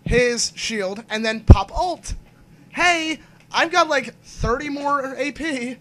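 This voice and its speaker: Bright-voiced co-host in casual gaming banter. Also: sits high, slow. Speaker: podcast co-host. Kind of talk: casual gaming commentary chat.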